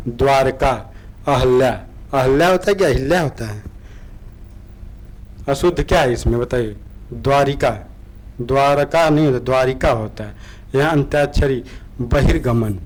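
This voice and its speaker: A man teaching an online exam-prep lesson. He reads the options aloud slowly, then explains them, often checking in with a quick "okay". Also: mid-range voice, darkish tone, a little hiss or hum, low-quality recording. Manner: repetitive, checks in with "ठीक है" often.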